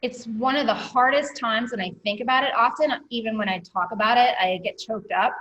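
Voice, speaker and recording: A woman's voice: a little high, a little fast, fairly bright tone, lo-fi sound. Candid woman telling her life story. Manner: candid, many ums, gets choked up. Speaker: interview guest. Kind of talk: reflective personal storytelling.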